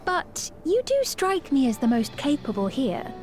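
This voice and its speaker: A gracious young queen in a fantasy video game. Her voice is fairly high and her delivery very measured, with formal, courtly phrasing. She sounds earnest and regal, over a clear musical score. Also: big pitch swings, over music. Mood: playful, bright.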